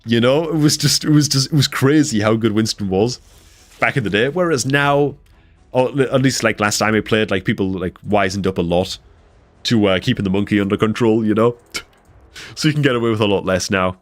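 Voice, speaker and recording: On a live game stream, a laid-back man chats casually, sprinkling in "man" and "dude." His voice is congested and a bit rough from a cold, fairly low in pitch, and brisk.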